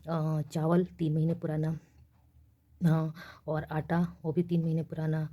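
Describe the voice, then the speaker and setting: A young woman from India chatting casually in a late-night vlog, speaking softly so she won't wake her neighbours. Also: deep voice, monotone, measured pace. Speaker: vlogger. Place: small rented room in a girls' hostel, at night.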